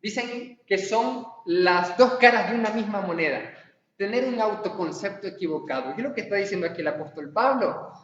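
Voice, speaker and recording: A man preaching a sermon, animated and acting out quoted dialogue. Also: high voice, normal speed. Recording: echoey hall, far from mic, dull lo-fi sound.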